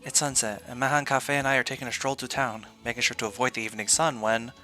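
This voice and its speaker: A man's voice: medium pitch, fairly even intonation, quick pace, sharp tone, soft background music. A man streaming a video game, reading story text aloud and adding casual commentary.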